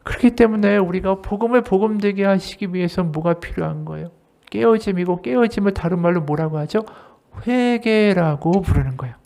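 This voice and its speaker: A pastor preaching at a church service in a voice of middle height. The delivery is animated and swings between rising and falling, with many rhetorical questions put to the congregation. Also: medium pitch, brisk, gravelly. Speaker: associate pastor. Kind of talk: sermon.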